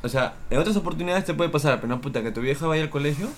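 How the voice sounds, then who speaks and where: A man's voice: a little high, lively intonation, rapid-fire, a little hiss or hum. A young man telling school anecdotes in crude slang, acting out quotes playfully. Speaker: podcast co-host. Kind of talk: casual anecdote storytelling.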